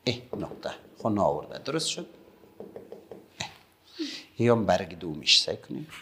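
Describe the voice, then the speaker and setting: A middle-aged man with an Afghan Dari accent, teaching young children patiently, repeating slowly and praising often. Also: low-pitched, very animated, pushed and bright, a little hiss or hum. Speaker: primary school teacher.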